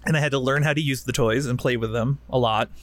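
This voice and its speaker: A man's voice: medium pitch, steady tone, quick pace, a little hiss or hum. A man co-hosting a casual chat podcast, laid-back and joking, often laughing as he talks. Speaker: podcast co-host.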